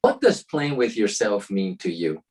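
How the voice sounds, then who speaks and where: Interviewer, man, brief direct questions, lively intonation. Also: fairly low pitch, measured pace.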